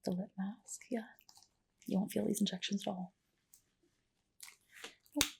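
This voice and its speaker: An ASMR creator plays a medical spa practitioner in a personal-attention roleplay, whispering softly and breathily right up against the mic. Her mid-range voice stays steady and measured as she gently reassures her client, though the background is noisy.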